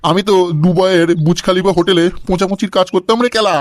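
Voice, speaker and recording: A man's voice: sits high, fairly even intonation, rapid-fire, background noise, lightly acted. A man voicing a crude, balding old cartoon father who swears and mispronounces English words. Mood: scolding. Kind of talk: cartoon comedy voice acting.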